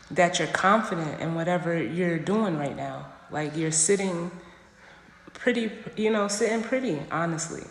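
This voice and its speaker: A woman giving a casual tarot reading on a phone livestream, talking straight to the listener in a slangy, emphatic way and repeating her phrases. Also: lowish voice. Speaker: tarot reader. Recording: echoey room with long reverb, faint noise.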